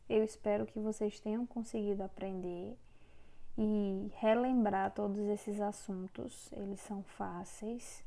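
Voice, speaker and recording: A woman teacher giving a recorded grammar lesson, dictating words slowly and clearly syllable by syllable. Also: mid-range voice, warm tone. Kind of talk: online Portuguese grammar lesson.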